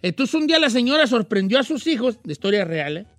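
Cheeky old Mexican rancher played by a man, very high voice, teasing radio host with rural slang. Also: very animated, quick pace, a bit bright, no echo, heavily acted. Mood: storytelling. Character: joking old male rancher, cheeky and bawdy. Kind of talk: comedic radio talk show.

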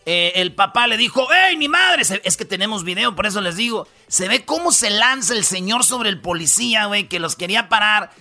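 Slangy Mexican radio host, high bright voice. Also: male voice, a little fast, few pauses. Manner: slangy, storytelling, lots of fillers. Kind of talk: casual comedic radio banter.

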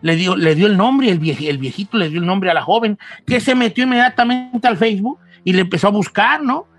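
A man's voice: brisk, no echo. A man telling a ghost story, acting out the dialogue with many restarts. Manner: lively, acts out dialogue in raised pitch, many restarts.

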